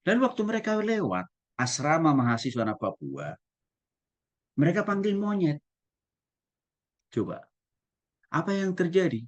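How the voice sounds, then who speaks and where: Guy pastor preaching a lesson, super expressive voice that jumps all over, keeps asking the crowd questions. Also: a little high, unhurried, long pauses. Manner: lively, asks listeners questions, acts out examples. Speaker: pastor and Bible teacher. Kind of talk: teaching sermon.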